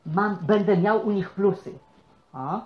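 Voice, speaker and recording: A man preaching a conversational sermon, often tagging his sentences with quick questions to the congregation. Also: high voice. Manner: chatty, peppers speech with tag questions. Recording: echoey, dull room sound.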